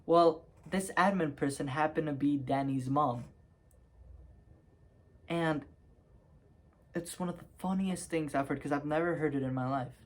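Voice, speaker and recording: A man's voice: fairly high pitch, measured pace, long pauses. A young man telling a story to camera in a casual, rambling way, with lots of ums and restarts. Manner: rambling, lots of fillers and restarts, laughs at himself.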